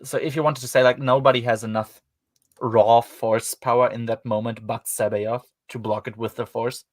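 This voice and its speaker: A man's voice: medium pitch, little pitch movement, moderate pace, no echo. A man with a German accent, hosting a casual book-discussion podcast and talking in a rambling, wry way with many fillers. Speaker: podcast host.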